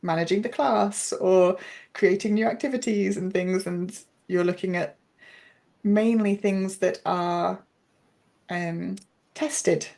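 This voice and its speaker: A woman's voice: medium pitch, steady tone, slow pace, vocal fry, darkish tone. A woman, a guest in a casual interview, explaining her teaching at length in a thoughtful way. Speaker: interview guest, pronunciation coach.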